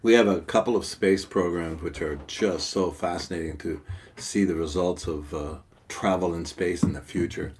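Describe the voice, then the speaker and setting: Low deep voice guy, mukbang co-host, just chatting over food, kinda hesitant with pauses. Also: steady tone, darkish tone, slight background noise. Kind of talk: casual chat answering viewer questions while eating.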